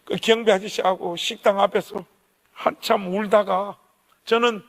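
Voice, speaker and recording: High-voiced pastor in a reverberant church. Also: male voice, fairly bright tone. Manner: emotional, vivid storytelling with acted quotes. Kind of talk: revival sermon storytelling. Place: church sanctuary. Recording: long hall reverb.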